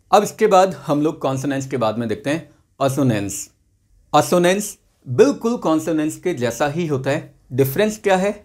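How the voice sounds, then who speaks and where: A male teacher giving a chatty lesson, reading example sentences slowly and explaining them briskly with joking asides. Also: a little high. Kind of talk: classroom lesson explaining poetry terms.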